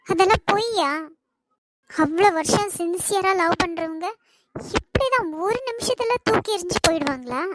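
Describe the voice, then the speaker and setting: Cartoon lead: a woman plays a clingy, tearful young woman begging her ex, Kanyakumari Tamil accent, pitched very high. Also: expressive, moderate pace, noisy background. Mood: pleading. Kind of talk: cartoon voice acting.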